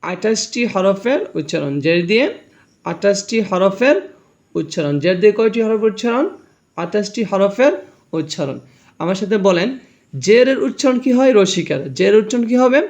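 A man's voice: sits high, expressive, moderate pace, a little mellow. A man teaching beginner Quran reading, chanting letter-and-vowel spelling drills and asking and answering his own questions. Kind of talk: recited spelling drill lesson.

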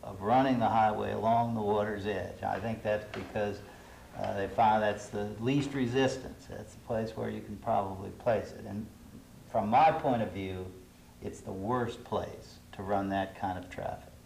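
A middle-aged man, an urban planner, speaking in a measured, thoughtful way with some hesitations on a studio panel. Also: fairly low pitch, fairly even intonation, gravelly, darkish tone. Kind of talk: panel discussion. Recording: roomy studio with faint hiss.

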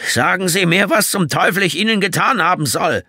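A frightened older male psychiatrist, shrill and strained with fear, as a male narrator voices him. His words come tight and high-strung, recorded close and dry. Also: huge pitch swings, takes it slowly, creaky, pushed and bright, breathy edge, dry recording, full character voice. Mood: panicked.

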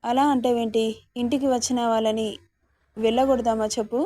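A woman voicing a patient young man in a romance story, coaxing gently. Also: a little high, little pitch movement, a little fast, no room sound, clean studio sound, close to an everyday voice.

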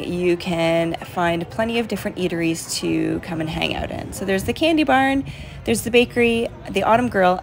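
A woman's voice: lowish voice, vocal fry, slight background noise. Chatty woman vlogging outdoors. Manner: chatty, upbeat selfie commentary. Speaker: real estate vlogger. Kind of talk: casual vlog tour. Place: outdoors at night at a farm attraction. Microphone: phone at arm's length.

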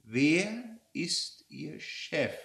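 A man's voice: animated, moderate pace. A man voicing a feisty elderly woman who is bossy, indignant and relentless, reading a story aloud in a roomy space. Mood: furious. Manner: shrill, scolding, loud and pushy. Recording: roomy echo.

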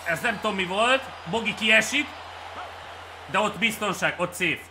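A Hungarian man streaming a game with viewers, cheering and shouting at plays and then muttering to himself. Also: high voice, background noise. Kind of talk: excited live game commentary.

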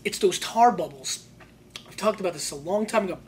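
A woman's voice: fairly low pitch, animated, fairly quick, a little mellow, slight background noise. A woman hosting a wine show, giving sommelier-style tasting notes in a colloquial, emphatic way and repeating phrases for emphasis.

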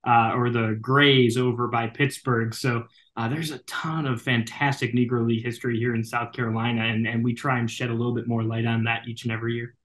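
A man's voice: medium pitch, flat delivery, brisk, few pauses, a bit bright. A young adult man, a baseball broadcaster, chatting as a podcast guest with lots of fillers and restarts. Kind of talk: casual interview chat.

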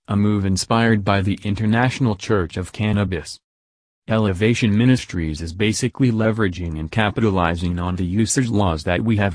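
A man reading a news article aloud in an even, measured way, quotes read plainly. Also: on the low side, dry recording, clean studio sound. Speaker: news reader.

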